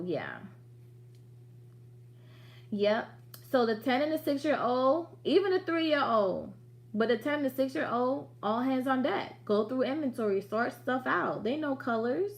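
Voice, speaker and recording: A woman in her late thirties hosting a business livestream in a chatty, direct, motivating way with slangy asides. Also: a little high. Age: late 30s. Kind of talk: casual livestream talk.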